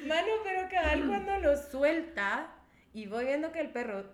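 A young woman co-host speaks in a high-pitched voice at a moderate pace, telling stories in casual chat. She is lively and laughs along as she talks. The room sounds echoey.

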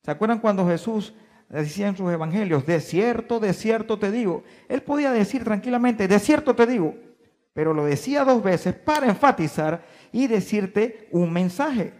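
A man's voice: high-pitched, expressive, darkish tone. Preacher guy, drags out the big words, keeps asking the church questions, lots of hall echo. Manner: emphatic, stretches key words slowly, asks the congregation questions. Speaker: pastor. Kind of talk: sermon.

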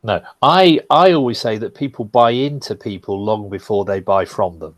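A man's voice: lowish voice, animated, moderate pace, dry recording. A man, talking bluntly and directly as a podcast guest. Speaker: guest, LinkedIn lead generation expert. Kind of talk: casual podcast conversation.

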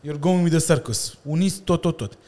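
A man in his thirties, a breakdancer and stuntman, chatting as a podcast guest and telling lively stories with slang and laughter. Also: on the high side. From Romania. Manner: animated storytelling with slang and laughter. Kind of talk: casual chat.

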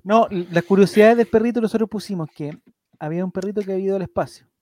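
A man's voice: sits high, quick pace, warm tone. A man with a Chilean accent hosting a jokey, casual chat and asking playful questions. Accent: Chilean Spanish.

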